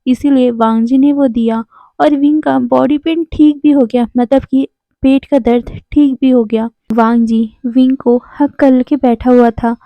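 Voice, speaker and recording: A woman's voice: sits high, steady tone, unhurried, no room sound. A woman narrating a story casually, adding explanatory asides and correcting herself. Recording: dull lo-fi dry sound.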